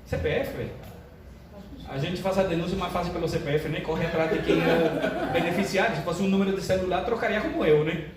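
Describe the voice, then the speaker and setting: An older man, a pastor, opening his sermon with jokes in a chatty, animated way. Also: high-pitched, fairly quick. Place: church sanctuary. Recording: echoey church hall, distant mic, room noise.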